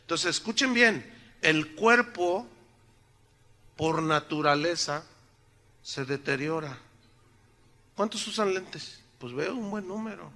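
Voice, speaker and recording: An older pastor preaches in a church sanctuary with a high, bright voice and a slightly sore throat. His sermon is conversational and full of jokes, delivered slowly with lively intonation and frequent pauses, as he fires rhetorical question after rhetorical question at the congregation.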